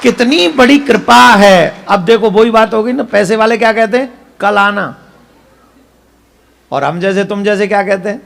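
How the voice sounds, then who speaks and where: एक पुरुष संत-कथावाचक, ब्रज लहजे के साथ, भक्ति कथा सुनाते हुए। उसका स्वर ऊँचा है, उसमें खुरदुरापन है, और वह श्रोताओं को प्रश्नों से झकझोरता है।. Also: male voice, high-pitched, moderate pace, vocal fry, few pauses, a bit bright. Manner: emphatic, rhetorical questions to the audience. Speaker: katha preacher. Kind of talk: devotional katha sermon.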